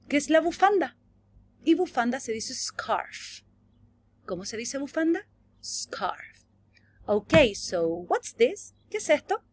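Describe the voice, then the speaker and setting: A young adult woman with a Chilean Spanish accent, teaching a virtual English lesson to young children and drawing out each model phrase slowly. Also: slight background noise. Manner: slow, drawn-out model phrases with lively pitch swings.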